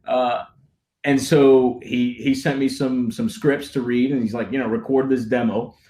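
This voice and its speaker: A man's voice: mid-range voice, steady tone, moderate pace, warm tone. A man, a stadium announcer, telling stories with enthusiasm and frequent laughs in a casual interview. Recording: roomy echo.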